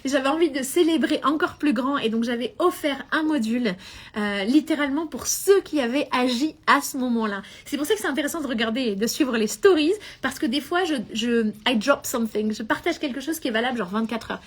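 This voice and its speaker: Woman, business coach, live stream, high-pitched, animated, mixes in English phrases. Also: brisk, husky.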